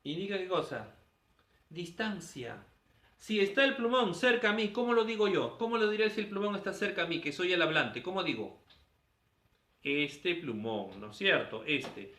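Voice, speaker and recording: A man's voice: high voice, lively intonation, fairly quick, bright, forceful tone. A male teacher giving a grammar lesson, firing questions at his students and answering them himself. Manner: quizzing students with rhetorical questions. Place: classroom. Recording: echoey room, voice from a distance.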